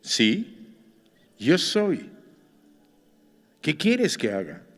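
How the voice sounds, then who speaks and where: God's voice, as a preacher puts it on, very deep, slow, swooping range, ringing hall. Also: male voice, full character voice. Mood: solemn. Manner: calm, measured, questioning. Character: slow, deep male voice of God.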